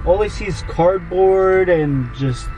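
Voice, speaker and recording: A young man hosting a vlog in casual, excitable, slangy talk, repeating his catchphrases to the camera. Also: sits high, slow pace, rough recording. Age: young adult. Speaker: vlog host. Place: inside a car at night and outdoors by it. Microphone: handheld camera at arm's length. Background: background music.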